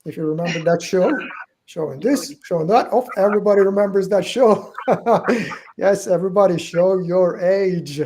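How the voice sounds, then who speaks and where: Hosting a live stream that sells books, a Turkish-accented founder in middle age opens the show in a chatty, joking way, fixing his words as he goes along. He has a high-pitched, dark voice at a moderate pace, with a little hiss or hum in the audio.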